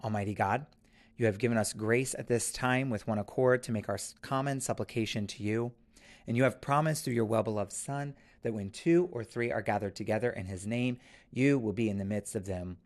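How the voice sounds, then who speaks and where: A man officiating a church service, reading scripture and reciting prayers in a measured, formal way. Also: on the low side.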